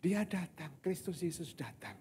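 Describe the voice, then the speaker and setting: A man's voice: fairly high pitch, expressive, moderate pace, a little mellow, a little hiss or hum. A man preaching a sermon as pastor, speaking conversationally and often addressing his congregation directly. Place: church service, live-streamed.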